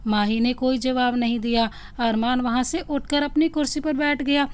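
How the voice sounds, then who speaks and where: A woman's voice: high voice, fairly even intonation, moderate pace, smooth. A woman narrating a scripted bedtime love story, reading plainly and announcing each speaker by name.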